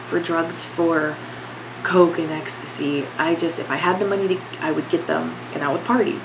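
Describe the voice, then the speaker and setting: Gravelly and on the low side, the voice belongs to a young woman vlogging from her bedroom while congested from a cold. She speaks candidly and rambles with plenty of fillers over a noisy background.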